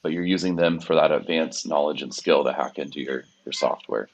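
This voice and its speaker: Male panelist, very low voice, casual opinion delivery, somewhat dull recording. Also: fairly quick, gravelly, slight background noise. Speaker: podcast panelist.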